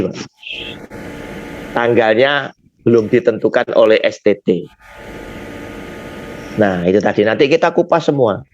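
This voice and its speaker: A man's voice: mid-range voice, slight background noise. A man leading a Bible study, explaining points with rhetorical questions he answers himself and often addressing his listener as sir. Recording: dull lo-fi recording.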